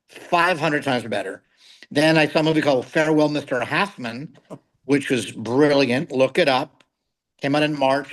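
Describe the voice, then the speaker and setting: A middle-aged man with a slightly higher-pitched voice reviews films with blunt, animated opinions. He talks like a comedy writer in a relaxed chat and does not hold back. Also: low-quality recording. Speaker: guest film critic, comedy writer. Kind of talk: casual film review chat.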